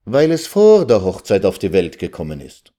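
A man reading aloud, voicing a know-it-all village lawyer who lectures slowly and condescendingly. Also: on the low side, huge pitch swings, warm tone. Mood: lecturing. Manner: lecturing, drawn-out.

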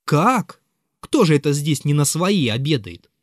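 A man doing a shrill, sneering young hanger-on. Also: sing-song, measured pace, no room sound, clean studio sound. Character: insolent young man, sneering giggling sidekick.

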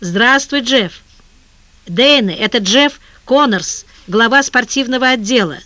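A reader voicing a brisk male boss. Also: mid-range voice, expressive, bright, forceful tone, no room sound. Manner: brisk and commanding. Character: commanding male newspaper boss. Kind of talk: audiobook character reading.

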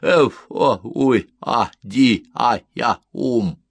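A man voicing a grumpy, half-asleep man who mumbles and shouts garbled nonsense from a window. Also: medium pitch, drawn-out words, gravelly, husky, no room sound, pitched above the performer's own voice, exaggerated voice. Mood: sleepy, angry. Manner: shouting garbled sleepy sounds.

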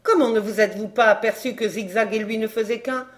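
A woman's voice: on the high side, brisk, close to an everyday voice. A woman voicing a sly young chambermaid and fortune teller who speaks in a coy, simpering way. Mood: coaxing. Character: sly young female chambermaid and card reader.

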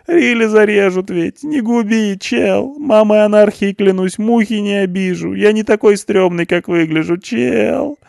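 A man's voice: sits high, a little slow, vocal fry, few pauses, a little mellow, no echo, studio quality, pitched above the performer's own voice. A man voicing a panicky eighteen-year-old punk boy behind bars, whining and pleading in slang. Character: panicky whiny teenage punk boy in jail.

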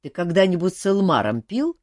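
A woman doing a gruff, terse grown man. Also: fairly low pitch, sing-song, a little fast, a little mellow, no room sound, studio quality, voice pushed up. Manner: grumbling, curt.

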